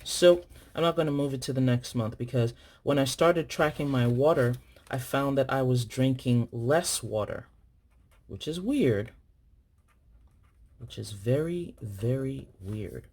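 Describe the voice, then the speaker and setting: This planner vlogger from Nigeria has a very deep, darkish voice and a measured pace. She chats informally with her audience as she writes in her planner, voicing her thoughts and correcting herself mid-stream.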